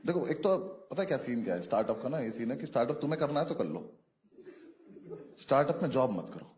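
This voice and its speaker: A man's voice: medium pitch, sing-song, fast talker, a little mellow, a little hiss or hum. A man doing a stand-up comedy set, telling a story and acting out the other people's lines. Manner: storytelling, acts out dialogue, talks to the crowd. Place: comedy club stage.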